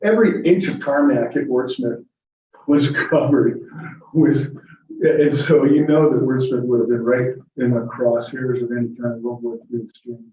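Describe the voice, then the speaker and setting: A guest lecturer with a medium-pitched, warm voice speaks at a moderate pace with fairly even intonation. He handles an informal audience Q&A in a chatty, digressive style, chuckling as he goes. The lecture room recording is distant, echoey and muffled.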